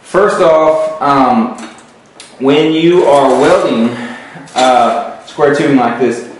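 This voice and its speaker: Speaking extremely slowly in a mid-range voice, a male welding instructor runs a hands-on tutorial in a metal workshop, plain in style and full of fillers and repetition. The distant-mic recording is very echoey, with a little hiss or hum.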